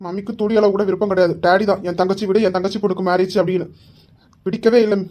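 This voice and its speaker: A woman performing a quick, bickering comedy skit. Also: medium pitch, little pitch movement, mellow. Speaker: sketch actor voicing several young men.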